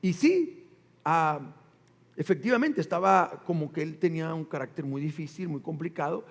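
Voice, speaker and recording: A man with a Mexican accent preaching a sermon as pastor, animated, with call-and-response to the congregation and acted-out quotes. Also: fairly high pitch, moderate pace, creaky, big-room sound.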